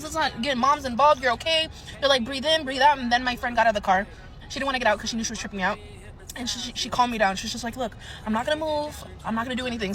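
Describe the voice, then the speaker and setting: A young woman telling a wild personal story in casual storytime style, profane and excitable, with faint music behind her. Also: a little high, poor audio.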